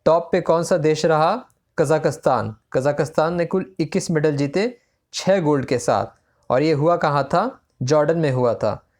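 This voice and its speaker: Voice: mid-range voice, moderate pace, darkish tone. Tutor quizzing through exam facts. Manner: poses quiz questions, then answers them; switches between Hindi and English mid-sentence. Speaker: exam-prep current affairs tutor. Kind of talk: exam-prep lesson.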